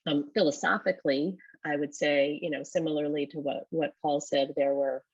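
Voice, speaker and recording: Woman company leader with a low voice, speaking thoughtfully on a panel; muffled, dry recording. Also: steady tone, normal speed, husky, no room sound. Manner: thoughtful, rephrasing often. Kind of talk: panel discussion answers.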